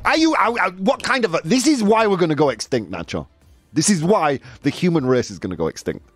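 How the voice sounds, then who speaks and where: Speaking fairly quickly in a voice on the high side, a man hosts a casual live talk show over soft background music with no room sound. He's animated, jokey, and incredulous as he responds to listener comments, saying "dude" often.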